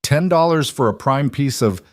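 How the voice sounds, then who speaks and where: A man voicing a wiry frontier auctioneer who crows his pitch in a sharp, greasy voice, pushed high above his own. The loud, oily patter of a storybook villain comes over a dry, close recording. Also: lively intonation, normal speed, no room sound, lightly acted. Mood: crowing sales pitch. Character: wiry greasy male frontier slave trader, crowing. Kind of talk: storybook narration.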